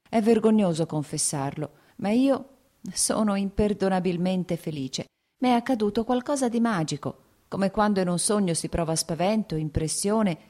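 Brief: woman reader doing a young noblewoman, anxious but joyful, pitched up with emotion, audiobook. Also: mellow, lightly acted. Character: young noblewoman, anxious yet blissfully happy.

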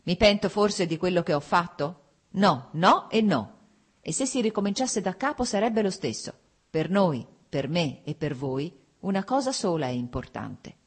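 A proud, defiant young noblewoman from a storybook reading, insistent and full of feeling, as a woman narrator gives her voice. The voice sits a little higher and brighter than the narrator's own low, husky tone. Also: very animated, a little slow, full character voice. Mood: impassioned. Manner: insistent and emotional.

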